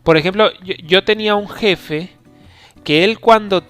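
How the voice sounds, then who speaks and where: Guy hosting a how-to podcast, calm and explaining stuff, kinda high voice, faint guitar behind him. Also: unhurried, clean tone. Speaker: podcast host teaching negotiation. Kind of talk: instructional podcast talk.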